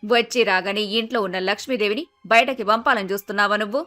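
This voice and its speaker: A woman's voice: medium pitch, quick pace, bright, forceful tone, soft background music, natural voice. Bossy scolding mother-in-law, voiced by a woman. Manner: scolding, domineering.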